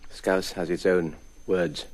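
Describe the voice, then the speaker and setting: A man calmly explaining a point of local speech in a precise, explanatory way, on a documentary record. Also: low voice, slow. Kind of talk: documentary interview. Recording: noisy old recording.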